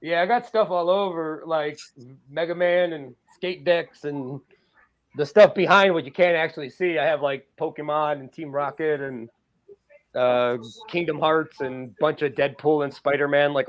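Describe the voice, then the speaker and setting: A man chatting casually as a podcast guest, talking excitedly with lots of fillers about his art. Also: fairly high pitch, normal speed, dull audio. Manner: excited, rambling, many fillers. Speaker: guest artist.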